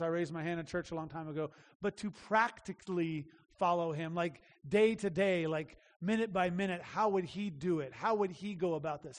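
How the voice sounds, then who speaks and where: A man's voice: high voice, big-room sound. A man preaching a sermon in a conversational, emphatic way, repeating key phrases. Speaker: pastor.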